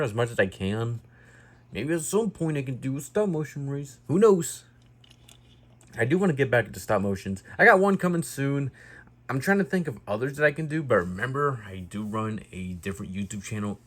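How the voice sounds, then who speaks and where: A man hosting a casual hobby review video, talking in a rambling way that often gets sidetracked and corrects himself. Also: fairly low pitch. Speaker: YouTube diecast reviewer.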